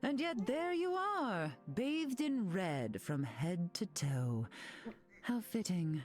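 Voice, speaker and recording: A woman with a medium-pitched voice plays a glamorous telepathic queen in a video game, delivering hero voice lines slowly with big pitch swings. She sounds poised, theatrical, condescending and disdainful, recorded as game dialogue over loud music.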